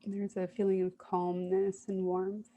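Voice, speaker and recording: A woman giving a reflective, self-guided therapy demonstration, speaking in a gentle, soothing way with hesitant pauses. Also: medium pitch, monotone. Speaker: IFS parts work demonstrator.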